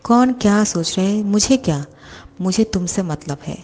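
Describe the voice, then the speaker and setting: A woman's voice: medium pitch, animated, normal speed, dark tone, close to an everyday voice. A woman voicing a young male boss who is bossy and openly lovesick, talking in a clingy, teasing way.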